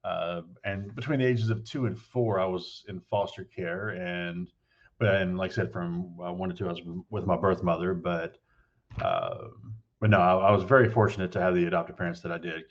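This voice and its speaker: A man from with a low, deep voice, coming through slightly muffled call audio. He talks in a relaxed, humble way, like a country boy telling his story. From Kentucky, USA. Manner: humble, easygoing, self-described country boy. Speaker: guest, writer and producer. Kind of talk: casual interview answers.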